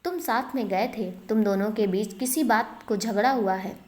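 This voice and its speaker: A woman's voice: medium pitch, moderate pace, natural voice. Brief: woman narrator doing a fed-up father lecturing his son. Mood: scolding. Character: middle-aged father, scolding and exasperated.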